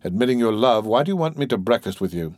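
A man's voice: lowish voice, lively intonation, quick pace, darkish tone, no room sound, close to an everyday voice. A man voicing a curt, irritable young man in an audiobook. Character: ill-tempered young man.

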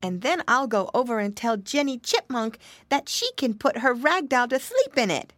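A curious little boy piglet from a children's storybook, played by a woman reader. His voice sits high and chirpy above the narrating voice, bouncing up and down as he speaks. He talks earnestly, like a small child. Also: big pitch swings, moderate pace, fairly bright tone, no echo. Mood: cheerful.

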